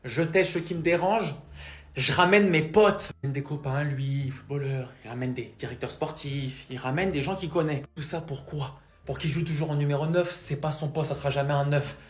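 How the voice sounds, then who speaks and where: A man with a slightly high voice gives opinionated, casual football commentary. He poses rhetorical questions, and the sound is noticeably roomy and echoey. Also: fairly quick, few pauses, darkish tone. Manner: rhetorical, addresses players directly.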